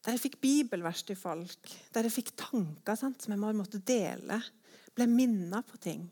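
A woman giving a personal testimony, telling her story in a lively way and acting out her own thoughts as quotes. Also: mid-range voice.

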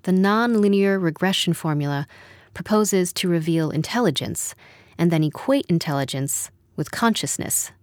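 A woman narrating a literary story in a measured, wry storytelling manner. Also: fairly low pitch, animated, no room sound, studio quality. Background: music.

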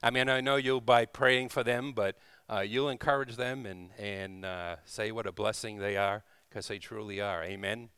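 With a fairly low, steady voice, a visiting preacher speaks live in a church at normal speed and with few pauses, his tone pushed, bright, clear and resonant on a dry recording. The sermon is informal and folksy, mixing scripture reading and prayer with frequent little tag questions to the congregation.

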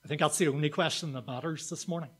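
A man preaching a sermon, telling a story to his congregation in an earnest way and slowing down on key words. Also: fairly high pitch, fairly even intonation, breathy edge. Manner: storytelling, slows down for emphasis; earnest, addresses the congregation directly. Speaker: pastor.

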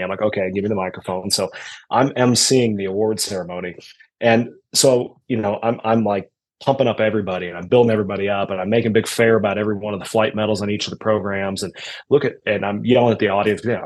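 A man who coaches aerobatic pilots, chatting casually on a podcast and telling lively stories about his team. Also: on the low side, breathy edge, rough recording. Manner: animated storytelling.

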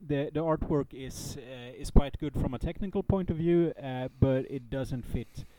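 Mellow, hesitant man co-hosting. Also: mid-range voice, dry recording, poor audio. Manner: hesitant, halting. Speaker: podcast co-host. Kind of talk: casual podcast chat.

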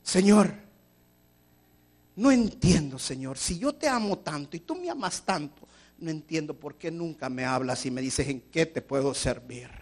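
A man's voice: on the high side, animated, a little slow. A man preaching who acts out a self-centered woman, moving between pleading prayers and brusque refusals. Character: pious but self-centered praying woman.

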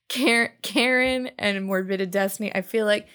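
Woman, mid-pitched voice, 30s, podcast co-host, chatty, giggly. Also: a little slow, a bit bright. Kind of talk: casual chat.

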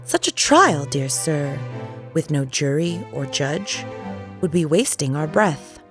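A woman's voice: sits low, expressive, slow pace, over music. A woman voicing a touchy, severe male mouse who speaks sharply and angrily in a storybook reading. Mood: stern. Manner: sharp, angry.

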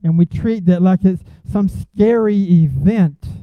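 A man's voice: high-pitched, unhurried, no echo. A man preaching a sermon, earnest and prayerful, rising to emphatic peaks. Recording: tinny phone-like sound, dry.

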